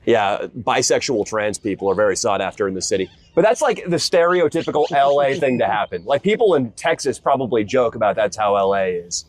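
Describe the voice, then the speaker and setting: A man, a stand-up comedian, chatting casually while fishing outdoors, with a deadpan, sarcastic delivery. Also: medium pitch, fairly quick, few pauses, dry recording. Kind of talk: casual chat.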